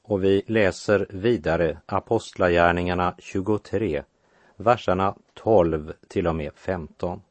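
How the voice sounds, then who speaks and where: Low-voiced guy doing a bible reading with commentary, slow and deliberate on key lines, dry close mic. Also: dry recording. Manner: measured, slows for emphasis on key phrases. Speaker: Bible teacher.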